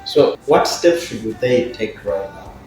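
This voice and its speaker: A man's voice: medium pitch, lively intonation, slow, a little mellow. A man hosting an interview, putting questions to his guest in a conversational way. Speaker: interviewer, host. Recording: very echoey room, music in mix.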